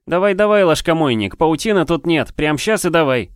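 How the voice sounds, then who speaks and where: A man's voice: on the high side, expressive, normal speed, no room sound, clean studio sound, voice pushed up. A man voicing a brash, cocky boy who teases cheekily with slang. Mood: taunting. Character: brash cocky boy, sharp-tongued and bossy.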